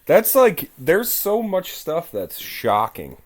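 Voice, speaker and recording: A man's voice: on the high side, wildly swooping pitch, slow pace. A man co-hosting a podcast, dry and teasing in casual chat. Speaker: podcast co-host.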